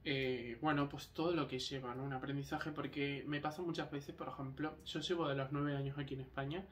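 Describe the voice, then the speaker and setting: A man's voice: medium pitch, steady tone, brisk, far from the mic, a little hiss or hum. A young man from Argentina with a partly Canarian Spanish accent, rambling casually to camera with many fillers and restarts. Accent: Argentine Spanish with Canarian touches. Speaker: vlogger.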